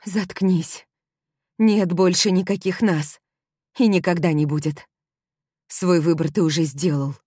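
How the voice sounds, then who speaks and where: A woman's voice: lowish voice, steady tone, unhurried, pauses often, slightly rough, dry recording, studio quality. A woman voicing a furious heartbroken young woman. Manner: shouting, raw and hysterical. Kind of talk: audiobook character reading.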